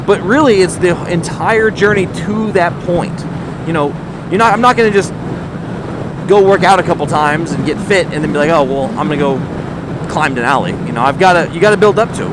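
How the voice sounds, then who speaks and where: A man talking casually and earnestly from inside a motorcycle helmet as he rides, rambling and thinking aloud in a motovlog. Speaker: vlogger talking to subscribers. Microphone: microphone inside a motorcycle helmet. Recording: loud engine rumble and road noise.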